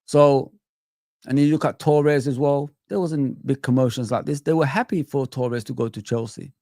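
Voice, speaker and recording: A man from Saudi Arabia joins a football talk stream as co-host, his voice sitting at an ordinary middle pitch. He argues in an animated, emphatic way, often repeating words, and his voice sounds dry and close to the mic with no room echo. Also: normal speed. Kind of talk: casual football chat show.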